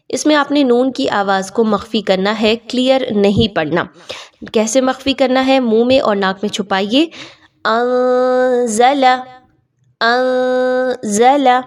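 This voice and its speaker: A woman teaching Quran recitation. She explains each rule patiently, then recites the words slowly and drawn out, repeating them several times. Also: on the high side. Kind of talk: tajweed lesson with slow recitation.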